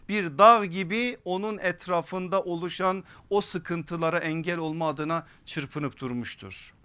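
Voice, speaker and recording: A man giving a sermon-like religious lesson at a pulpit microphone, phrasing deliberately and leaning on emphatic, rhetorical repetition. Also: on the high side, pushed and bright, smooth.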